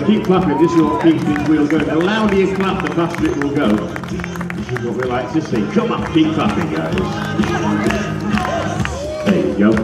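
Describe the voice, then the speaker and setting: A man announcing a live stunt show like a kids show host, coaxing the crowd for applause and putting questions to the children. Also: mid-range voice. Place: outdoor show, over a loudspeaker system. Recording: echoey outdoor PA, far off, music and crowd. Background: music and crowd.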